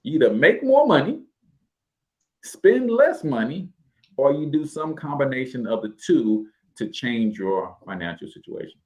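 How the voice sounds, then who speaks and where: A man's voice: mid-range voice, very animated, a little slow. Emphatic man hosting a podcast. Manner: emphatic, punchy repetition. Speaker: podcast host. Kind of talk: casual podcast talk with radio-style segues.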